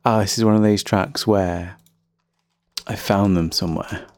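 A man's voice: lowish voice, fairly even intonation, a little slow, no room sound. A man with a faint Birmingham accent hosting a casual solo music podcast, chatty, rambling and self-deprecating. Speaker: podcast host.

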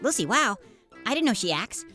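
A woman's voice: on the high side, big pitch swings, moderate pace, bright, forceful tone, soft background music, full character voice. A woman voicing an eager young boy superhero who feels unsure of himself in a children's audio drama. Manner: eager, a bit anxious.

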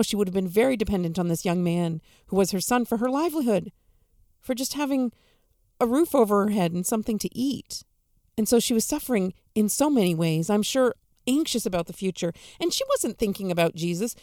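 A woman giving an earnest, encouraging devotional reflection on a gospel reading, speaking softly to listeners at home. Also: medium pitch, dry recording, clean studio sound. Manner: earnest, encouraging, soft-spoken.

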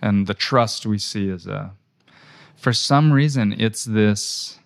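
A man speaking as a tour business guest in a podcast conversation, energetic and emphatic, often asking rhetorical questions. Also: lowish voice, slow pace, vocal fry.

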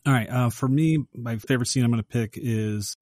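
A man's voice: medium pitch, brisk, darkish tone, dry recording, clean studio sound. A man co-hosting a casual movie podcast, retelling a film scene with energy and acting out the characters' lines. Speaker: podcast co-host.

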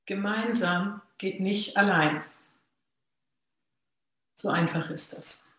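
A Zen practitioner gives a reflective dharma talk to a sangha, speaking in measured phrases with long pauses. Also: medium pitch, fairly bright tone. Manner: slow, measured, pausing between phrases. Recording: very echoey room.

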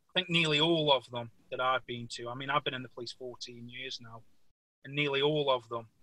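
Bright-voiced man with a Stoke Potteries accent. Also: mid-range voice, no echo, rough recording. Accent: Stoke-on-Trent Potteries. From Stoke-on-Trent, England. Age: middle-aged. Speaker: podcast guest, police officer. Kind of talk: casual personal interview. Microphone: remote call.

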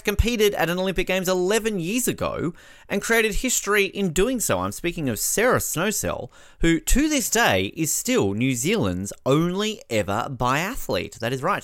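A man's voice: a little high, fairly bright tone, no room sound, studio quality. A man with an Australian accent hosting a sports podcast in a chatty, wordy, bantering way.

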